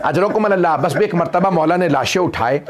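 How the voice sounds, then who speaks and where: A male preacher recites a mourning sermon with a fairly high voice. He tells the story with passion. His delivery often rises into tearful, crying swells. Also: fairly quick, very noisy.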